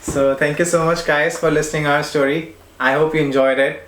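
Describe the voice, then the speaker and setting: A man's voice: fairly high pitch, flat delivery, brisk, a bit bright, a little hiss or hum. A man from India with an Indian accent, hosting a podcast interview in a friendly way and repeating his thanks. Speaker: podcast host. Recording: echoey room.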